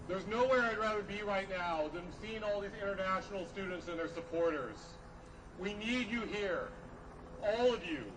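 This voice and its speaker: Middle-aged man's podium speech, distant and high-pitched. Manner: earnest, measured, emphatic. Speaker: professor speaking at a rally. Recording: distant mic, noisy outdoor rally.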